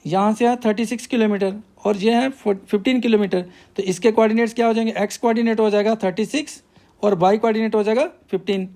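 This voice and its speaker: A man's voice: sits high, steady tone, fast talker, warm tone. A male math teacher, working through a problem step by step and asking himself questions before he answers them.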